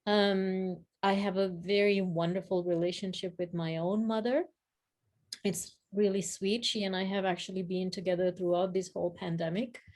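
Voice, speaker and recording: Steady and darkish in tone, her mid-range voice moves at a moderate pace. The Sri Lankan woman, a practice leader guest on a video call, reflects casually, thinking through her words and laughing easily.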